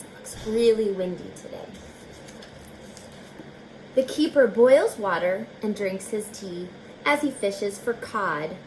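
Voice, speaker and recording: A teacher with a medium-pitched, darkish voice reads a children's picture book aloud, full of expression, and talks directly to the kids between lines. She takes it slowly and deliberately. The rough recording has a slight hiss or hum.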